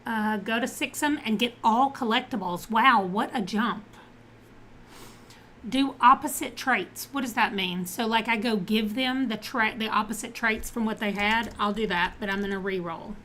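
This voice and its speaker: A woman hosting a casual live game stream, talking through her choices as she goes. Her voice sits a little on the high side. She drifts between reading options aloud and chatting with her viewers, with a faint hum of noise behind her. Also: moderate pace, pushed and bright.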